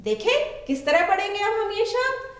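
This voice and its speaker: A woman's voice: very high voice, very animated, moderate pace. A woman teaching young children to read, sounding out words syllable by syllable in a sing-song, coaxing way. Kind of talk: children's phonics lesson. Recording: very echoey room.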